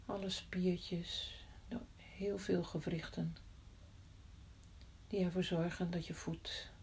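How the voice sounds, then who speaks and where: Slow, soft-spoken woman guiding meditation. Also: on the low side, vocal fry, a little hiss or hum. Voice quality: soft, often whispered delivery. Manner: slow, calm, with long pauses. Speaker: meditation guide. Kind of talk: guided body-scan meditation.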